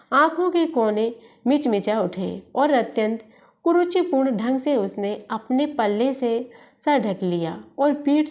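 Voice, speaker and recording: A woman reading a literary short story aloud in a steady, measured way. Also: a little high.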